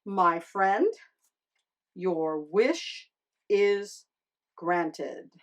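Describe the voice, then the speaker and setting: A woman voicing a solemn, wise magic fish in a storybook tale, with a grave, measured, drawn-out delivery. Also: on the low side. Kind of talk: storybook character acting.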